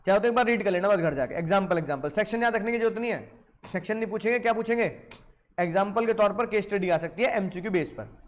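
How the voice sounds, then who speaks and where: A middle-aged man with an Indian accent teaching law in a lively classroom lecture, telling stories and quizzing students. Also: high voice, fast talker. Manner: animated storytelling with film examples, asks students questions.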